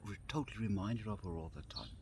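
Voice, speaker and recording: A man sitting outdoors on the grass, telling a personal story in a halting way, often repeating and restarting phrases. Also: fairly low pitch, expressive, vocal fry, slight background noise. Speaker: vlogger.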